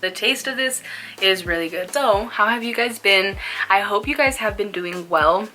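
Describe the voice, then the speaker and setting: A woman's voice: mid-range voice, normal speed, sharp tone, faint music behind. A young woman chatting casually in a laid-back, slangy stoner manner, as in a smoke-along vlog. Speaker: small YouTube vlogger.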